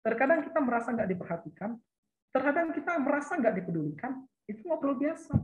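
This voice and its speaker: A woman's voice: sits high, very animated, fast talker, a little mellow. A woman giving an educational talk to school counselors, explaining step by step and repeating her points with small tag words. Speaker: counseling lecturer. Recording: roomy, dull lo-fi recording.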